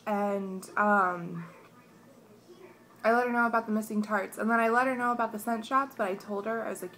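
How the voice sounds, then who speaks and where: A woman's voice: mid-range voice, bright, forceful tone, a little hiss or hum. A young woman chatting casually through a haul video at home, rambling with many restarts and sounding stuffed up. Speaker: vlogger. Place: home, morning.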